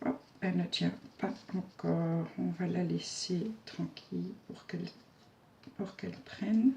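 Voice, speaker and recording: A woman's voice: fairly low pitch, steady tone, unhurried, gravelly, dark tone, muffled recording, a little hiss or hum. A woman hosts a casual craft tutorial. She chats in a homely way and talks through each step as she works, with frequent fillers and self-mocking humor. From Belgium.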